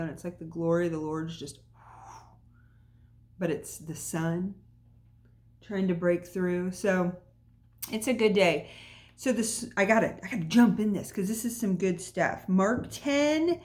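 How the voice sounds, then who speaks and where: A woman with a lowish, darkish voice hosts a casual devotional podcast from home, sitting by an open window. She chats in an encouraging way and uses plenty of fillers.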